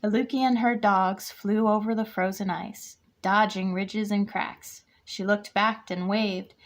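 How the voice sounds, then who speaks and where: A guest reader in a kindergarten class, this woman reads a picture book at a measured pace in a mid-range voice. Her delivery is expressive, and she acts out the lines spoken by the characters.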